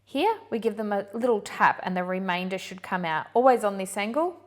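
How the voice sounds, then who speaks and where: A middle-aged woman hosting a cooking demonstration, giving clear step-by-step instructions in an upbeat manner. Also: medium pitch, lively intonation, brisk, noisy background. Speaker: chocolatier host.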